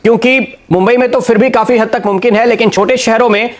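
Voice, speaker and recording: A man giving a steady stock market analysis and talking straight to viewers, explaining why he recommends each share. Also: extremely high pitch, quick pace.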